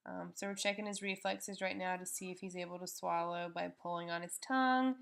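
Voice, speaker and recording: A woman's voice: fairly low pitch, steady tone, a little fast, vocal fry, fairly bright tone. A woman on veterinary staff gives live explanatory commentary on a procedure, speaking informally and patiently, step by step.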